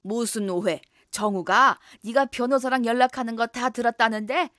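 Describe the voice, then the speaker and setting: A woman's voice: on the high side, steady tone, normal speed, a bit bright, no room sound, studio quality, lightly acted. A woman voicing a stern, imperious older mother-in-law in a voice drama, scolding in an old-fashioned commanding way. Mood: scornful.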